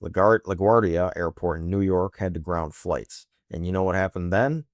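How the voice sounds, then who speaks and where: A low-pitched man speaks at a moderate pace, recorded with clean studio sound and no echo. He hosts a political news commentary show, delivering scripted commentary in a sarcastic, emphatic style packed with rhetorical questions.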